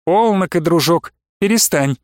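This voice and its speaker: A man reading aloud and voicing a bold, teasing young peasant woman with a quick temper. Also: on the high side, expressive, no room sound, clean studio sound. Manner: teasing, coaxing, then fiery.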